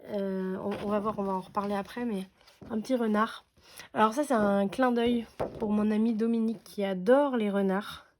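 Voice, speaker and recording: A woman's voice: mid-range voice, fairly even intonation, normal speed, a little mellow. A woman chatting casually as she unboxes scrapbooking paper, enthusiastic and full of fillers. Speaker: scrapbooking vlogger. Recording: noisy room with paper crinkling.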